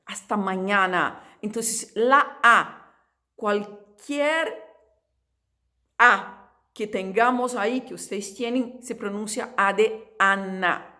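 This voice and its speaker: A woman's voice: fairly high pitch, sharp tone. Chatty São teacher woman. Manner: chatty, drawn-out demonstrations. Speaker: Spanish teacher. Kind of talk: lively video lesson.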